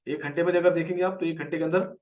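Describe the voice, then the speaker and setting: A man's voice: fairly high pitch, steady tone, fast, darkish tone, recorded from a distance. A man with an Indian accent teaching a live trading lesson, explaining a chart and answering viewers by name.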